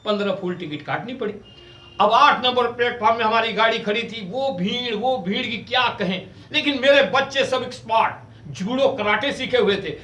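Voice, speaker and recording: High, bright-voiced male comedian on stage. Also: normal speed. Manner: lively storyteller who switches into character voices. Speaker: stand-up comedian. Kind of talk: stand-up storytelling with acted voices. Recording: echoey stage sound from a distance.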